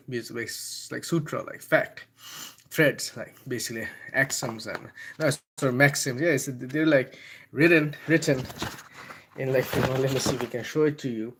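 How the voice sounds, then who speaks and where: A man from Bangladesh with a Bengali accent and medium-pitched voice hosts a casual livestream, reading and reviewing a book. He rambles irreverently, laughing between thoughts, and reads passages in a louder, declaiming voice, with slight background noise.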